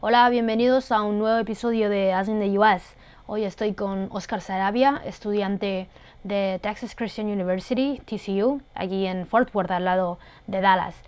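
A woman's voice: medium pitch, fairly even intonation, moderate pace, darkish tone, clear, resonant tone. A woman hosting a podcast interview, asking questions and explaining terms for the listeners. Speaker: podcast host.

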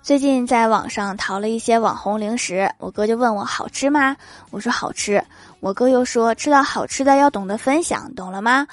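A woman's voice: fairly high pitch, normal speed. A young woman hosting a joke show, telling funny everyday stories in an upbeat way and chuckling at her own punchlines. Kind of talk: comedic joke storytelling.

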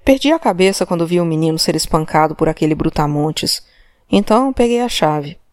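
A woman's voice: sits low, animated, fairly quick, a little mellow, no room sound, studio quality. A woman voicing an older Portuguese man from Trás-os-Montes, a tearful father who gives terse, subdued answers. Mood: pleading.

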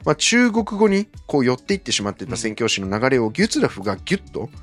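A man talks fast and lively as he explains history to his co-host. He works through it step by step with plenty of fillers. Light music sits faintly behind his voice. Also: mid-range voice. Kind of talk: casual explanatory talk.

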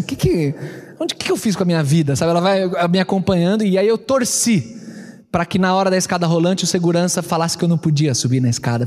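São Paulo pastor, 30s, high-ish voice, animated storyteller, reverberant church hall. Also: male voice. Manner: animated, acts out both sides of a quarrel. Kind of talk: storytelling sermon.

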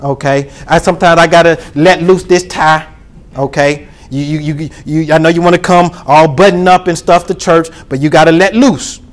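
A pastor preaching a sermon to his congregation, calling for responses and rising to shouts. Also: fairly high pitch, steady tone, moderate pace.

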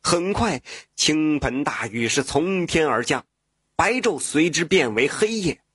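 A man narrating a folk tale in a lively oral storytelling manner, with spoken fillers. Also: fairly high pitch, unhurried, husky, no room sound, clean studio sound.

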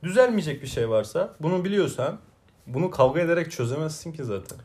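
Young male co-host with a slightly higher voice, animated and jokey, breaks into laughter. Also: fast, husky. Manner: animated, laughs often, acts out quoted people. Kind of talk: casual chat.

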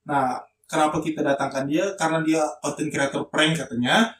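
A man, co-hosting a casual podcast in a relaxed, chatty way. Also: a little high, normal speed. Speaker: podcast co-host. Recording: roomy, distant mic, faint hiss.

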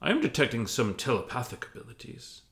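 A man's voice: mid-range voice, very animated, quick pace, fairly bright tone. A man voicing an intrusive, sardonic talking hat that reads minds, drawling and dismissive in a scripted parody audio story. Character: intrusive, bored, sardonic telepathic sorting hat.

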